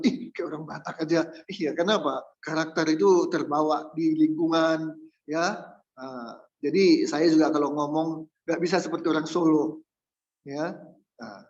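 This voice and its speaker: A male pastor preaching a sermon, humorous and lively, acting out the voices he quotes. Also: fairly high pitch, dull audio.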